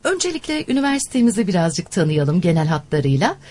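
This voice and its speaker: A female programme host with a lowish, mellow voice and very animated intonation. She welcomes her guests courteously and effusively, steering the interview along. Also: fast. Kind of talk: broadcast interview hosting.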